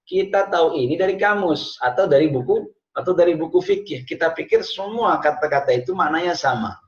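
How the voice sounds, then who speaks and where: A man teaching an online class, telling lively stories and mixing in Arabic phrases. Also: a little high, a little fast. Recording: echoey, dull lo-fi room sound.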